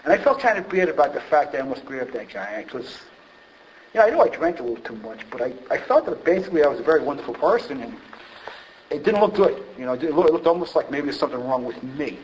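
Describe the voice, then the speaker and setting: A man shares a personal recovery story about his drinking with a group, rambling and putting himself down, with many fillers and false starts. His fairly high voice swings widely in pitch at a quick pace, on a dull lo-fi recording with faint hiss.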